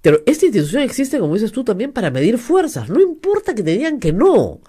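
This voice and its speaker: A woman's voice: a little high, very animated, fast, mellow, breathy edge. A woman, hosting a political discussion and speaking assertively while often interjecting agreement. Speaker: host.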